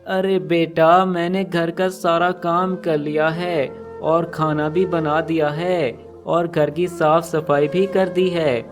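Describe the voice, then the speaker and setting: A man's voice: a little high, little pitch movement, slow pace, few pauses, faint music behind. A man voicing a frail old female crow, a mother-in-law who pleads in a plaintive way.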